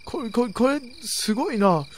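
A young woman streamer chatting excitedly through a horror game, with sudden shrieks. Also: fairly high pitch, moderate pace. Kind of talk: let's play commentary.

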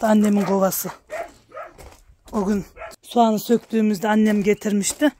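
A woman vlogging about her village life, chatting warmly with her viewers and calling out to her animals in a high coaxing voice outdoors. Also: steady tone, moderate pace, a little hiss or hum. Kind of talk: casual vlog narration to viewers. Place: outdoors at a village farmyard and garden.

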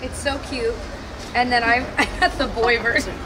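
A woman's voice: on the high side, moderate pace. A woman chatting casually on a trip, enthusiastic and bubbly. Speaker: travel companion. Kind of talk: casual chat. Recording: music bed, busy crowd noise.

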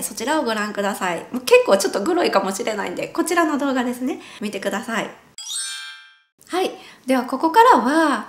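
A woman, chatting casually in a home vlog, her speech a little sluggish and strained after nose surgery as she corrects herself along the way. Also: high voice. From Japan. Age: 40s. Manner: chatty, self-correcting, talks while wincing in pain. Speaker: vlogger. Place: at home, indoors.

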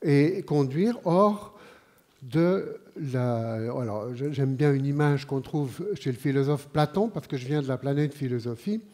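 Wearing a headset mic on a large auditorium stage, a Swiss man in his sixties with a Swiss French accent delivers a conference talk. His medium-pitched, warm voice moves in an unhurried, measured way, broken by pauses and fillers.

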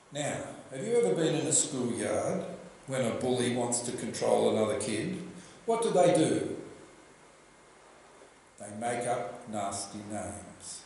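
An older Australian man preaching a sermon at a church lectern, telling the story in a lively way and asking the congregation questions. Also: medium pitch, vocal fry, slight background noise. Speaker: pastor. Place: church hall with projection screen. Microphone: lectern microphone. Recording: very echoey church room.

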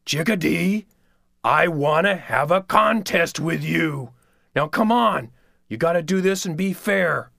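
A storyteller voicing a boastful, greedy male coyote trickster who gloats loudly and cackles. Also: medium pitch, expressive, a little slow, creaky, no room sound, clean studio sound, voice pushed up, full character voice. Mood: gloating. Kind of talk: oral storytelling.

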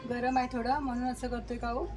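A woman's voice: fairly high pitch, little pitch movement, fairly quick. A woman chatting casually to her pets as she feeds them, coaxing and scolding them by turns. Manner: scolding, coaxing talk to animals. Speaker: vlogger feeding pets. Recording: faint background noise.

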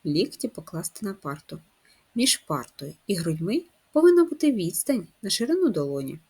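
A woman's voice: mid-range voice, very animated, normal speed, darkish tone, breathy edge. A woman teacher giving a patient, step-by-step first-grade writing lesson, asking the children questions as she goes. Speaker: primary school teacher.

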